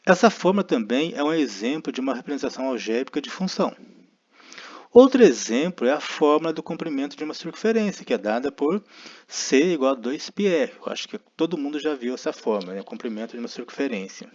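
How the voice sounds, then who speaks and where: A man's voice: mid-range voice, expressive, fast, darkish tone. A man with a Brazilian Portuguese accent teaching a math lesson, explaining step by step and often checking in with his listeners. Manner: explanatory, frequent tag questions, thinking aloud. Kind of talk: recorded lecture. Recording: dull lo-fi recording.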